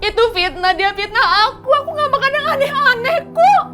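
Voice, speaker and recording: A woman's voice: very high-pitched, moderate pace, music in the background. An actress playing a scheming young woman who fakes a pregnancy, whiny and accusing, with fake tears. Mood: whiny tearful. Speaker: actor in a TV soap. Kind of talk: TV soap acting.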